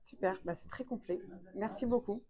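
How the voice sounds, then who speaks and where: A woman interviewer asking short, brisk questions and thanking her guest. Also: medium pitch, warm tone.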